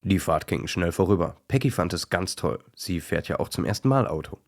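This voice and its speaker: A man narrating a children's animal story in a gentle, even storytelling manner. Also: deep voice, brisk, vocal fry.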